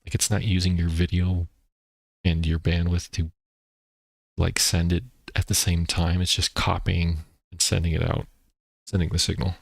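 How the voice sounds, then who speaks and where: A man streaming a video game, talking in a rambling, casual way with a deep voice and explaining things between plays. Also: completely flat delivery, moderate pace, creaky, no echo, clean studio sound. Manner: rambling, explains while playing, many fillers. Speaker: gaming streamer. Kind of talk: casual gameplay chat. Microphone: streaming microphone.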